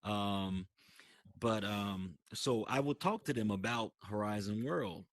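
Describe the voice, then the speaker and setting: In a dry recording, a man with a lowish voice speaks at a slow pace. He casually tells a long story about his virtual world in a voice chat as a guest, rambling with many fillers and restarts.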